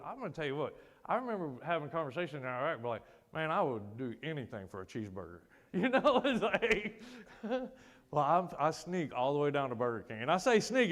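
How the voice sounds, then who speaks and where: A man who is a military veteran, speaking to a school assembly and telling a personal story with casual, self-deprecating humor. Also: high-pitched. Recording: long hall reverb.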